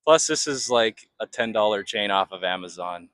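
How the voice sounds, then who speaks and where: An American man working as a street interviewer, talking casually and off the cuff in a rambling, halting way with repeated phrases. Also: on the low side, animated, fairly bright tone, no echo. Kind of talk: casual, unscripted street talk.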